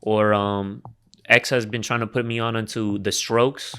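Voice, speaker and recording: A young man co-hosting a casual podcast, talking music in slangy, animated chat. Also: fairly low pitch, unhurried, clear, resonant tone. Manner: animated, slangy, breaks into imitating rappers. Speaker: podcast co-host.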